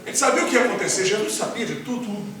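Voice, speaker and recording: A pastor preaches a sermon in a church hall, talking conversationally and often putting questions to the congregation. His high voice is fast and sharp, with lively intonation. The hall is very echoey, his voice sounds far off, and there is faint hiss.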